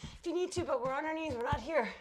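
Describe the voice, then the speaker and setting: A female fitness instructor with a high voice leads a workout while doing it herself. She is winded between phrases. She keeps urging the team on with short, upbeat pushes and countdowns. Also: fast, noisy background. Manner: upbeat, encouraging, urging cheerleader-like pep talk. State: out of breath from exercising. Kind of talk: live workout coaching, counting down intervals.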